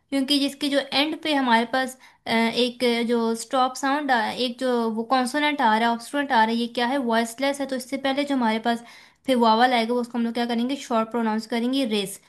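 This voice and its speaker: High-voiced woman lecturing on phonetics. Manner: mixes English terms into explanations, asks and answers her own questions; repeats "theek hai" as a check-in. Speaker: teacher. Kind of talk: lecture explaining slides.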